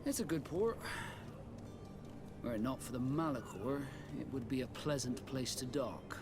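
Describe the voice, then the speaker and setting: An actor playing a proud, dignified seafaring guild captain in a video game, speaking in a measured way. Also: male voice, mid-range voice, close to an everyday voice. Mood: measured, informative. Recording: music behind the dialogue.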